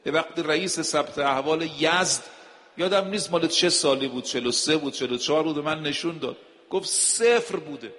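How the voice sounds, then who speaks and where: A man's voice: on the high side, pushed and bright. A man preaching a sermon, emphatic, asking rhetorical questions and quoting scripture. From Iran. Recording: long hall reverb.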